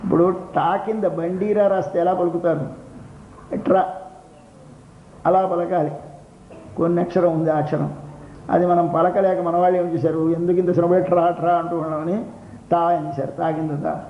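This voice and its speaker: An older man delivers a devotional discourse in a high, light voice. He repeats phrases as he explains each line. The recording is roomy and dull, with a faint hiss behind him. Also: flat delivery. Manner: expounds slowly, repeats phrases, chants verses in song. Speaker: religious discourse speaker.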